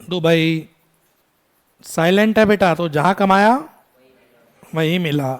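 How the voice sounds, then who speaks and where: Indian guy teaching tax, kinda high voice, keeps quizzing the class and calling them beta. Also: clear, resonant tone. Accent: Indian English. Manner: quizzing students, calling them "beta", brisk scolding asides. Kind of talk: classroom lecture.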